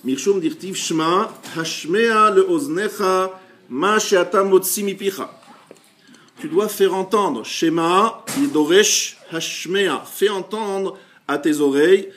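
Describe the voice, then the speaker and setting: Rabbi guy teaching gemara, kinda high voice, reads the slow then explains it again. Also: a bit bright, slight background noise. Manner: explains step by step, reads Hebrew and Aramaic phrases slowly then translates; often rephrases and repeats. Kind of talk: Talmud class lecture.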